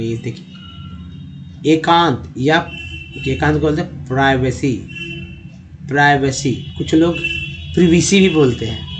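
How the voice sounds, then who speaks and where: A man teaches English vocabulary in a voice-over lesson, with a mid-range voice. He names each word plainly and repeats it, drawing out the syllables so learners can copy them. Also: mid-range voice. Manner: repeats each word slowly, stretching sounds to show pronunciation.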